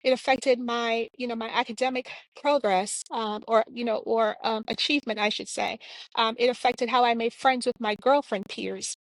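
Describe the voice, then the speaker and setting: A woman's voice: a little high, steady tone, normal speed, poor audio. A woman from Jamaica, a clinician and author, answering interview questions in a reflective, earnest way with frequent fillers.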